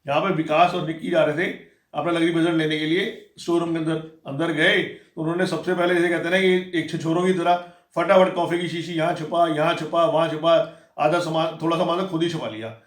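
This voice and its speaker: A man giving a casual, animated spoken recap of a reality show episode, acting out what the contestants said. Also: on the high side, roomy sound. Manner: rapid, animated retelling, acting out quoted lines.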